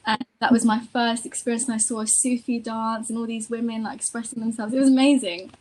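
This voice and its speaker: A woman's voice: fairly high pitch, steady tone, a little fast, darkish tone, poor audio. A woman from Iran telling a personal story in a panel conversation, passionate, with many fillers. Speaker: panel guest.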